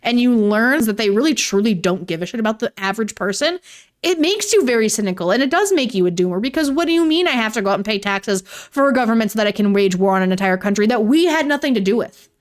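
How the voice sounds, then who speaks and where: A woman's voice: a little high, lively intonation, quick pace. A young woman, giving a casual vlog commentary in a ranting, sarcastic way and swearing freely. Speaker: YouTuber.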